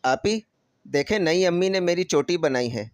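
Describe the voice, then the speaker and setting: A man voicing a timid, sweet little girl who speaks softly and pleads. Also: sits high, lively intonation, smooth, no echo. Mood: timid pleading. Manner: soft, pleading.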